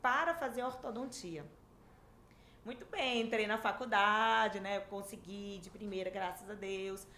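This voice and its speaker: A woman in her fifties from Manaus with an Amazonas accent, a dentistry professor telling her story as a podcast guest in a lively, chatty way. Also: mid-range voice, a little slow. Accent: Amazonas Brazilian Portuguese. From Manaus, Brazil. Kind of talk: casual interview chat. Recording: echoey room, faint background hiss.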